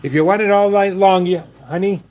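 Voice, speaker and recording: A man's voice: sits high, fairly quick, a little mellow. An older man hosting a casual live stream, chatting to viewers with dry, wisecracking asides.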